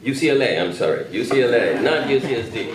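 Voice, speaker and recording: Speaking fast in a mid-range voice that swings widely in pitch, a man announces award recipients' names to a crowd gathered in a hall. It's captured on a distant mic, so there's echo from the hall and audible crowd noise.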